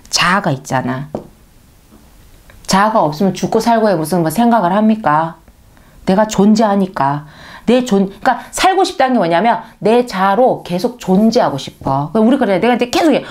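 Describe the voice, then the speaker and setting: A woman delivers a sermon as if chatting with her congregation, asking rhetorical questions and answering them herself. Her voice sits at a middling pitch but swings widely for emphasis. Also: normal speed. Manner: conversational, asks listeners rhetorical questions; animated, pitch leaps for emphasis. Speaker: preacher.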